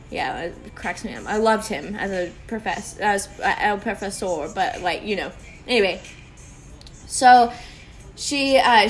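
A young woman from Oregon hosting a podcast, telling a story in a rambling, scattered, profane way while high. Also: fairly bright tone. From Oregon, USA. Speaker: podcast host. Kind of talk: casual storytelling monologue.

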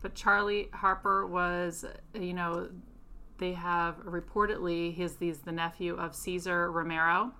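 Bright-voiced chatty woman co-host. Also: fairly low pitch, steady tone, measured pace, smooth. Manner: chatty, agreeable, lots of "like". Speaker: podcast co-host. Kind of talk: casual chat.

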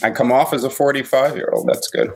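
A man's voice: medium pitch, huge pitch swings, brisk, vocal fry, over music. Dry-humored man in his thirties. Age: 30s. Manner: dry, self-mocking market banter. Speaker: co-host. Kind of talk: casual live audio show chat.

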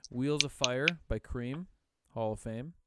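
A man's voice: medium pitch, unhurried, heavy background noise. A man hosting a casual podcast chat from home, laid-back, swearing casually and laughing often. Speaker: podcast host and band member. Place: home, over a video call.

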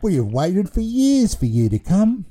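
A man voicing a huge baby who runs a school in space, who cries and giggles as he speaks, in a high babyish voice. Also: huge pitch swings, a little slow, mellow, full character voice. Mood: babyish, weepy. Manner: cries, giggles and burps between lines.

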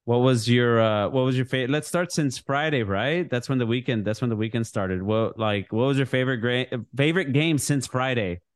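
A man's voice: medium pitch, moderate pace, hardly any pauses, no room sound, studio quality. Rambling male sports podcast co-host. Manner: rambling, with many restarts and laughs. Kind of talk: casual sports chat.

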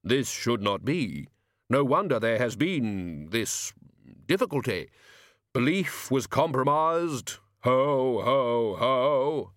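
Man as Death, a ponderous, slow-speaking solemn spirit. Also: mid-range voice, sing-song, no room sound, clean studio sound. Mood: disapproving. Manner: ponderous, formal, stiff. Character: Death, solemn, literal-minded spirit posing as festive gift-bringer.

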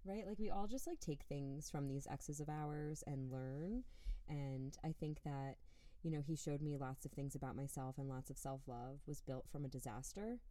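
Young woman podcast co-host, tipsy, candid and swearing, low dark voice, dry mic. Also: steady tone, normal speed, no room sound. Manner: candid, swears freely, laughs often. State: tipsy, hiccuping from wine. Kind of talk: casual chat.

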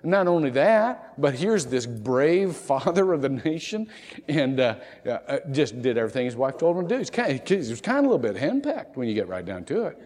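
Here a pastor delivers a sermon in a big-sounding room, his medium-pitched, slightly mellow voice moving briskly through big pitch swings. He spins humorous, homespun anecdotes and slips briefly into the voices of his characters.

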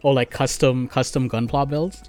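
A man's voice: mid-range voice, steady tone, normal speed, darkish tone. A young man chatting casually with friends on a podcast, rambling with lots of "like" and restarts. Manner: rambling, many likes and restarts. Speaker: podcast co-host. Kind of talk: casual chat among friends.

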